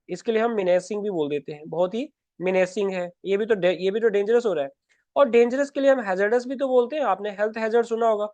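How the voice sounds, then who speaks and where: A man's voice: high voice, a little mellow, dry recording. A man teaching vocabulary for exams in Hindi. He explains patiently, says each word aloud again and corrects himself mid-sentence. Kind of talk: exam-prep vocabulary lesson. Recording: slightly dull, dry audio.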